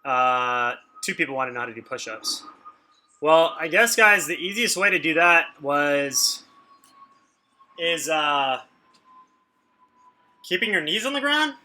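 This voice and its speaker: Man, fitness livestream coach, very bright sharp voice, raised pitch, casual chatty instruction. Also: sing-song, a little slow, long pauses. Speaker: home workout coach, live streamer. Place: indoors at home.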